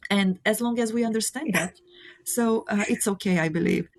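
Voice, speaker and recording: A woman's voice: medium pitch, moderate pace. Bulgarian-accented woman in casual discussion. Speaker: podcast panelist.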